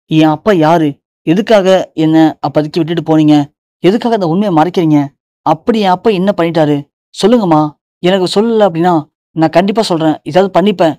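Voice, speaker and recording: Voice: medium pitch, a little fast, dark tone, dry recording, lightly acted. A narrator voicing a desperate young man pleading to learn who his father is. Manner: pleading, insistent.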